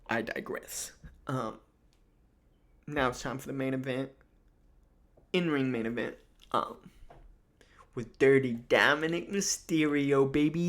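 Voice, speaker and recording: Man, wrestling recap host, casual chat, rambling, filler-heavy, mid-pitched voice. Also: vocal fry. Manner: rambling, many fillers and restarts.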